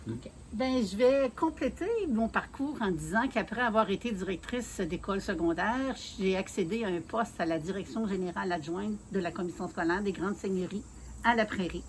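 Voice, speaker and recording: A mayoral candidate in her sixties from Quebec City calmly tells the story of her career in an interview, using many filler pauses. She has a Quebec French accent and a medium-pitched voice, with a little hiss or hum in the audio.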